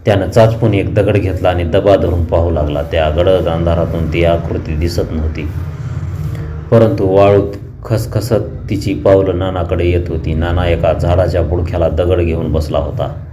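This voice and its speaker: A man narrating a written short story, reading in a steady, measured way. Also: sits low, noisy background.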